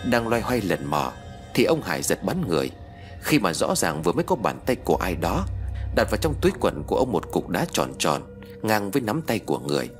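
A man narrating a suspenseful ghost story as an audiobook reader, in a lively storytelling manner. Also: low-pitched, fairly quick, soft background music. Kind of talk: scripted narration of a horror story.

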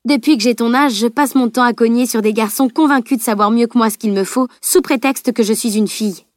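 A woman's voice: a little high, fairly quick, a little mellow, no room sound, clean studio sound, natural voice. A woman reading an audiobook voices a blunt, proud young woman fighter who talks in a matter-of-fact way. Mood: defiant.

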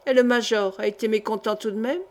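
A woman's voice: on the high side, steady tone, fast talker, darkish tone, lightly acted. A woman reading the lines of a jovial, teasing older male colonel in an audiobook, in a bantering, mocking tone.

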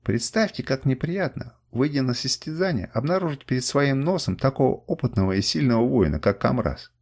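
A male audiobook reader tells a first-person story with a husky voice. His pitch rises and falls expressively through the narration. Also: animated, fairly quick, a little mellow.

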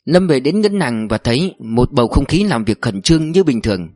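Male audiobook narrator, measured, dry close sound, faint music. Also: mid-range voice, dry recording. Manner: steady, measured reading.

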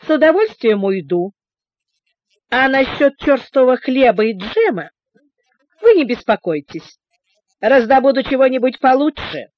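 A woman's voice: sits high, sing-song, unhurried, long pauses, no room sound, voice pushed up. A woman doing a cheeky, mockingly polite teenage boy. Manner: sarcastically polite. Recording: dull, dry recording.

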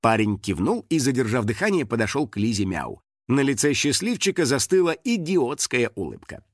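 A man narrating a children's story in an audiobook with expressive storytelling. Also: mid-range voice, normal speed, dry recording, studio quality. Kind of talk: scripted narration.

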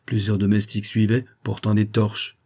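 Man narrating a classic novel as an audiobook, dark, husky voice, steady and measured. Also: fairly low pitch.

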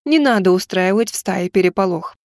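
A woman voicing a grown werewolf pack leader who speaks calmly and domineeringly. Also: medium pitch, fairly quick, no echo, clean studio sound, voice pushed down, natural voice. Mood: commanding. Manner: calm, domineering.

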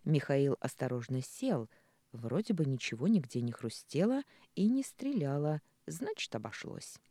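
Male narrator with a dark, mellow voice. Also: a little high, very animated, moderate pace, no echo. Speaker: audiobook narrator. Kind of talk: expressive storybook narration.

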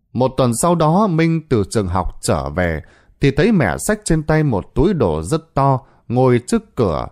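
Expressive male storyteller. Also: mid-range voice. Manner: dramatic, expressive reading. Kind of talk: scripted story narration.

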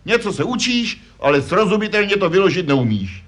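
A man's voice: sits high, big pitch swings, fairly bright tone. A man voicing a pompous, know-it-all puppet father in a vintage puppet comedy sketch, lecturing his son. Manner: self-important, lecturing, fond of "že jo". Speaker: puppet performer.

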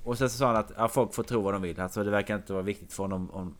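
A man with a somewhat low voice tells a long anecdote in casual conversation. He wanders from detail to detail as he goes. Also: steady tone. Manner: long meandering anecdote told to a listener. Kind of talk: casual chat.

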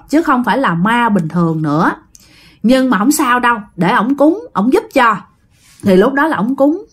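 A woman casually retelling a ghost story and speaking directly to her listeners. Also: a little high. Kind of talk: spoken ghost story narration.

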